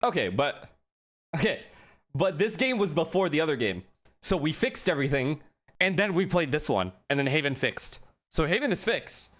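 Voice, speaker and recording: Lively excitable male streamer. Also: a little high, moderate pace. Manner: excitable, profane, talks to chat. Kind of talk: live esports watch-along commentary.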